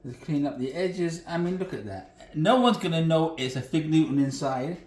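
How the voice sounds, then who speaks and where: A man's voice: on the high side, lively intonation, moderate pace, darkish tone. A man hosting a home cooking channel, chatting in a folksy, rambling way as he demonstrates a recipe in his kitchen. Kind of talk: casual cooking demo. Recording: echoey kitchen room.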